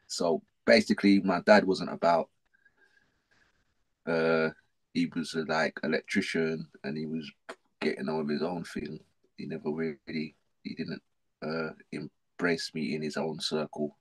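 Middle-aged man, South London accent, very low voice, husky, slangy, repeats himself. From South London, England. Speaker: podcast guest. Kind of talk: casual interview storytelling.

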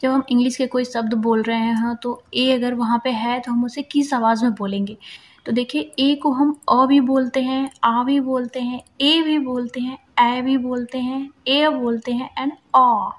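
A woman with a somewhat high voice teaches English phonics. She talks in Hindi mixed with English words and sounds out each vowel slowly and carefully to demonstrate it. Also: fairly even intonation. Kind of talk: explaining phonics in a casual lesson.

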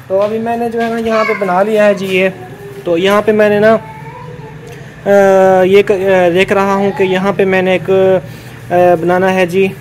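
A man's voice: sits high, little pitch movement, slight background noise. A man vlogging casually, chatty as he explains building work around his house step by step. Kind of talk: casual home vlog chat.

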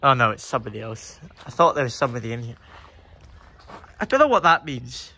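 A man's voice: medium pitch, very animated, a little fast, sharp tone, husky. Jumpy young man exploring ruins. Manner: jumpy, muttering to himself, easily spooked. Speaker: urban explorer vlogger. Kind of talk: nervous walking commentary. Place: outdoors and in a derelict building.

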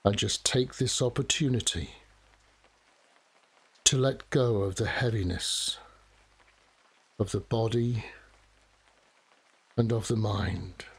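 A man narrating a guided relaxation meditation in a soft, soothing, measured manner with long pauses. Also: on the low side, husky. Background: steady rain.

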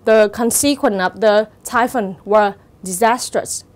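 A woman's voice: medium pitch, takes it slowly. A woman teacher going through English exam answers step by step, in a methodical way. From Vietnam. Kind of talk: exam answer walkthrough lesson.

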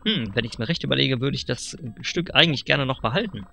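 A man voicing a sly, pushy fox furniture dealer who flatters with smooth sales patter. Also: medium pitch, quick pace, slight background noise. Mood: wheedling.

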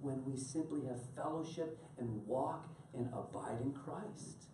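A male pastor preaching a sermon to his congregation, animated and laughing as he tells stories and calls on people by name. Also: medium pitch, a little slow, noisy background. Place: church sanctuary. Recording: echoey room from far off.

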